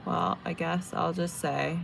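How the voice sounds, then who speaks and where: Her voice is fairly low, steady in tone, a little slow and creaky. She's a young woman originally from San Diego, California, now at home in Vietnam, reading tarot and putting on makeup while chatting easily with people watching her livestream. Faint background noise runs under the recording.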